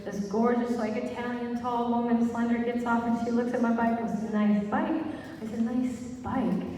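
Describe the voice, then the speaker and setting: Animated woman telling a story in a hall. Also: on the high side, fairly quick, slight background noise. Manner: animated, laughing, acts out voices. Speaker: panel speaker. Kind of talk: storytelling to an audience. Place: large hall. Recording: echoey hall from far off.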